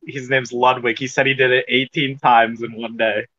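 A young man co-hosting a podcast, talking in an animated, playful way and swearing often. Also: mid-range voice, moderate pace, dull audio. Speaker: podcast co-host. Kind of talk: casual chat.

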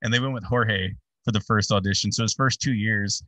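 A male sports announcer in his thirties tells stories in a relaxed interview, animated and chatty, leaning on "like" and "dude". His voice sits fairly low. The sound is dry, with him a little back from the mic. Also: brisk, no echo, far from the mic. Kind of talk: casual interview storytelling.

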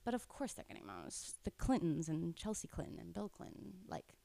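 A woman's voice: on the low side, huge pitch swings, gravelly, mellow, dry recording. A young woman co-hosting a podcast, talking frankly and emphatically in casual chat. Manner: emphatic, frank, quick to agree. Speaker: podcast co-host.

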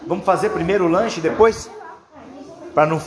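Brazilian man, highish voice, kindergarten teacher manner, encouraging, talking to schoolchildren, echoey classroom, faint noise. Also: moderate pace, a crowd in the background. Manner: kindergarten teacher voice, encouraging, simple instructions and checking questions. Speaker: workshop leader for schoolchildren. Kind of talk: addressing a class of children. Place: roomy classroom indoors.

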